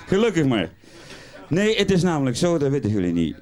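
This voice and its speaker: A man's voice: fairly high pitch, huge pitch swings, a little fast, a little mellow, slight background noise. A man performing a rambling comic carnival monologue, talking straight to the audience as he tells his stories. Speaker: carnival comedian.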